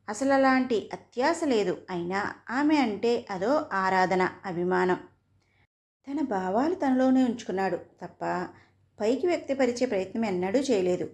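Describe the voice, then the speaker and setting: A woman narrating a family story in a steady, expressive reading. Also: medium pitch.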